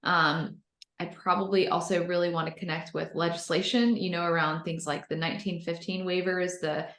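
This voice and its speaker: Speaking at normal speed with a level tone, this North Carolina woman in her thirties has a voice on the low side and fairly bright. She's an American business founder and interview guest, answering questions conversationally with upbeat enthusiasm. The recording sounds roomy and echoey.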